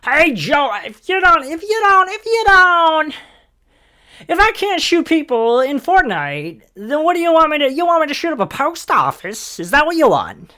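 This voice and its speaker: A man's voice: very high voice, big pitch swings, sharp tone, pitched above the performer's own voice, heavily acted. A man putting on the voice of a whiny, hysterical young gamer, shrieking and dragging out his words. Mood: hysterical whine. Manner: shrieking, drawn-out, hysterical whine. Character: whiny shrill young male gamer ranting.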